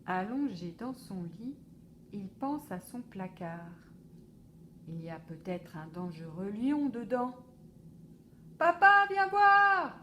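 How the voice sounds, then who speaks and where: A woman reading a children's picture book aloud for a library, slow and expressive. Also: mid-range voice, slight background noise. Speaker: library storyteller.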